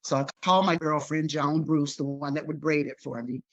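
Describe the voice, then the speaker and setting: A woman's voice: deep voice, steady tone, brisk, dull audio. An older woman, a guest in an interview, telling an emotional personal story and acting out the people in it.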